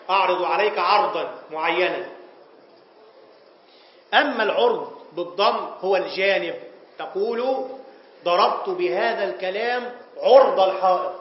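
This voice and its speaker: A high-pitched Egyptian man teaches a class and keeps quizzing his students before he answers for them. His voice rings in an echoey room. The recording is dull and lo-fi. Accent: Egyptian Arabic. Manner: poses questions to students and answers them himself; playful wordplay, chuckles at slips. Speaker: Islamic scholar teaching Arabic language. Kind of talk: classroom lecture.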